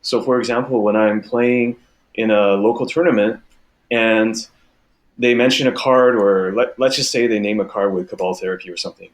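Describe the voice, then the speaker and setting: Man, thirties, Mandarin speaker, deeper voice, podcast guest, explanatory, restarts often. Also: fairly even intonation. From Taiwan, raised in Canada. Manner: measured, explanatory, with frequent restarts. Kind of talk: casual conversational interview.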